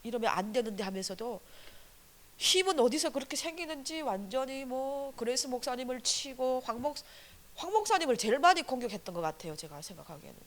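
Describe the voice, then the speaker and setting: A woman evangelist giving an earnest, animated testimony at a church service, with many fillers. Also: high-pitched, fairly quick.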